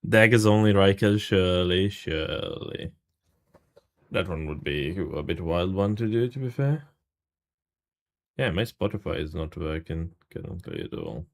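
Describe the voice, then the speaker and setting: Animated man streaming. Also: low voice, unhurried, creaky. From Serbia. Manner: casual, greets and thanks chat, swears freely. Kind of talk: live game stream commentary.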